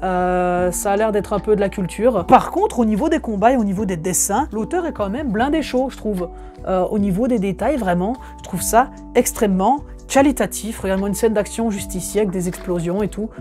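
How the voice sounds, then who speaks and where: Enthusiastic young man, mellow voice. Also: high-pitched, brisk, faint music behind. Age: 20s. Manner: enthusiastic, frequent hesitations. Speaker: manga collector vlogger. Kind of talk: casual haul video. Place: room at home among his collection.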